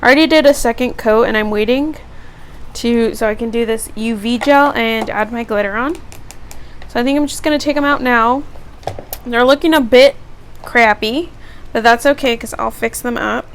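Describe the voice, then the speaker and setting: A woman's voice: on the high side, moderate pace, slight background noise. A teenage girl vlogger casually narrating each step of a beauty tutorial. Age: teens.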